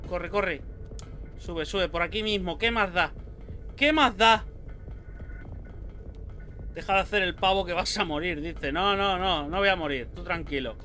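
A man's voice: high voice, sharp tone. A young man with a Spain Spanish accent, commenting on a horror game he plays, swearing and yelping whenever something startles him. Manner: jumpy, swears and yelps at scares. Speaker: gaming YouTuber. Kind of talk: let's play commentary.

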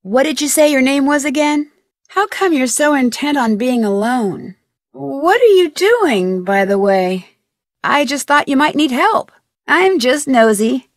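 In video game dialogue, a woman voices an inquisitive, persistent young amateur detective, polite and earnest with crisp questioning. Her voice sits high with lively intonation and an unhurried pace, recorded at studio quality with no room sound.

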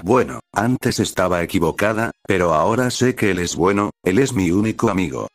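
Man reading a shy young heroine, low voice, faint music behind, fan story. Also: lively intonation, moderate pace, no room sound. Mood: timid. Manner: shy, pleading, tearful. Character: timid lovesick young woman warrior.

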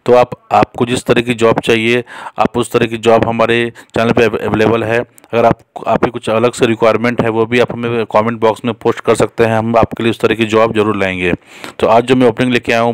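A man's voice: medium pitch, flat delivery, brisk, clean tone, dry recording. A man hosting a job channel, talking casually in an unscripted voice-over with many fillers and restarts.

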